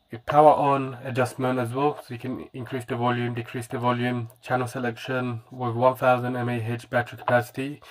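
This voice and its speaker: A man gives a casual product demo and review, listing its features haltingly and repeating himself. His voice is mid-range, and the recording is dry.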